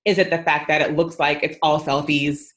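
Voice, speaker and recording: Chatty woman with a lowish voice. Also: flat delivery, moderate pace. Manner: chatty and emphatic, with frequent fillers and laughs. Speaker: podcast guest, PR and social media adviser. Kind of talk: casual podcast conversation.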